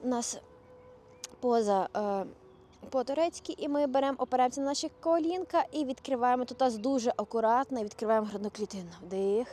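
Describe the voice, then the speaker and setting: Woman running a yoga class, calm breath cues, mellow voice, kinda high, faint outdoor noise behind. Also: fairly quick. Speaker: yoga instructor.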